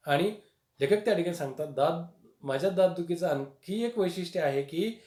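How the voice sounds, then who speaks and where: A man's voice: on the high side, moderate pace. Echoey male teacher explaining a humorous text. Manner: acts out the quoted dialogue with rising, louder lines; repetitive, with many fillers. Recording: echoey room.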